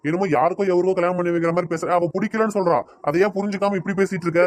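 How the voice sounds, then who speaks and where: In a heated cartoon scene, a man voices a stubborn middle-aged father who berates his wife, speaking with a Tirunelveli Tamil accent. He talks very fast in a high-pitched, steady, natural-sounding voice, recorded with no echo.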